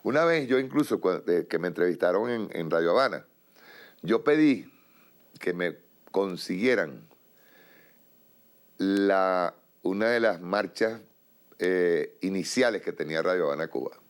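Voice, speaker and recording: A man's voice: deep voice, animated, unhurried, long pauses. A middle-aged man hosting a political TV show, talking in a rambling, emphatic monologue full of restarts. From Venezuela. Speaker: TV show host.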